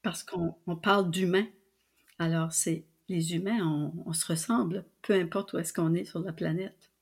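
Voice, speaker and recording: Her voice is on the low side and steady, at a moderate pace, with vocal fry and a breathy edge. This older guest, a publisher and translator with a New Brunswick Canadian French accent, recounts her story in a casual interview, often using fillers and restarting.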